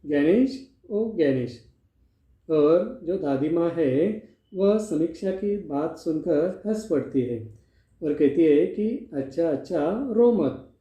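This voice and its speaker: A man's voice: on the high side, slow, warm tone. A male teacher explaining a play line by line in a classroom lesson, asking and answering his own questions. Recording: echoey room, phone-like sound.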